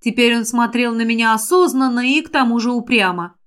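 High-voiced woman narrating an audiobook. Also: brisk. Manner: emotional, expressive reading that rises sharply in distress. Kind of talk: first-person fantasy audiobook narration.

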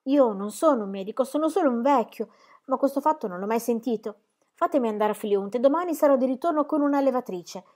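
A woman reading an audiobook, voicing a gentle, cautious old man who reasons calmly. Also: high-pitched, fast. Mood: worried. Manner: calm, reasoning, reassuring.

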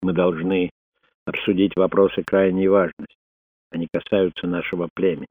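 A man voicing a solemn, guarded old male sorcerer in an audiobook, speaking in a grave, measured way. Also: sits low, flat delivery, husky, dry recording. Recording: dry, phone-like narrow sound.

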